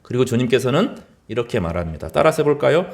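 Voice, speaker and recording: A middle-aged man preaching a sermon as pastor, his voice rising high in quoted lines and dropping low at the end of phrases. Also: sing-song, fast, a little mellow.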